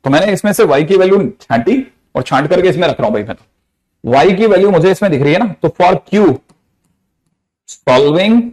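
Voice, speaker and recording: High-voiced playful Hindi math teacher. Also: male voice, animated, a little fast, darkish tone. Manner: teasing, repeats prompts, asks students to answer. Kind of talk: lively classroom lecture.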